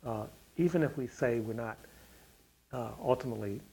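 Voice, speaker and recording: A man's voice: medium pitch, normal speed, mellow, husky, poor audio. A man on a discussion panel answering a question, talking in a rambling way with many fillers and restarts.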